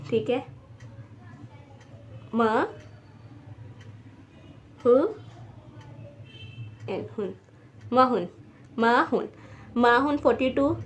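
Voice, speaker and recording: A woman's voice: fairly high pitch, slight background noise. A woman teaching a beginner language lesson, patiently repeating each word several times and checking in with her students.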